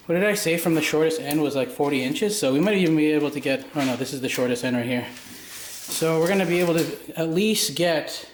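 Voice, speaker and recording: A man chatting casually in a workshop vlog, out of breath and sweating, talking himself through the job with self-deprecating asides. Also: fairly high pitch. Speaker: woodworking vlogger. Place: home workshop. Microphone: handheld USB mic. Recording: echoey workshop, faint noise.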